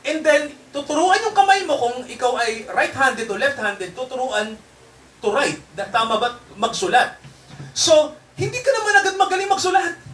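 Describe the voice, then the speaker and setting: A man's voice: very high voice, very animated, moderate pace, a bit bright, echoey room, far from the mic, a little hiss or hum. A man preaching a sermon to his congregation in a mix of Tagalog and English, constantly checking in with tag questions. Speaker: pastor. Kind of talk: Taglish sermon.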